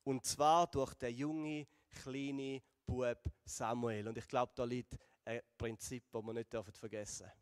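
A man with a Swiss German accent preaching a sermon and retelling a Bible story, slowing and going softer for emphasis. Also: mid-range voice, level tone, smooth, no room sound, studio quality, big-room sound. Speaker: pastor.

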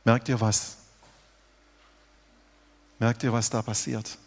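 A man preaching a sermon earnestly, rising for emphasis and dropping to hushed, dramatic lines. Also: mid-range voice, level tone, slow, big-room sound, slight background noise. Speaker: pastor.

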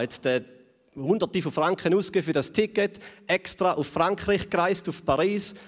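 Man, Swiss German accent, sermon, conversational preacher, slightly high voice, long hall reverb. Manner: conversational, with frequent tag questions.

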